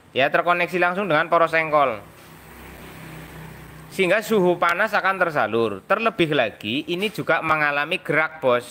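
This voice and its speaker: Javanese mechanic with a bright voice. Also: male voice, fairly high pitch, a little hiss or hum. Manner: imitates machine noises, mixes Javanese into Indonesian. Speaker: motorbike mechanic. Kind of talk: hands-on repair demonstration.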